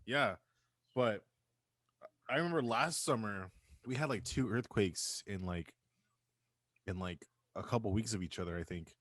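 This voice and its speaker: Laid-back, low-voiced man, casual podcast banter. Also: measured pace, pauses often, fairly bright tone, no echo. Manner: laid-back, swears a lot, laughs often. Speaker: podcast co-host. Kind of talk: casual chat. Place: California home.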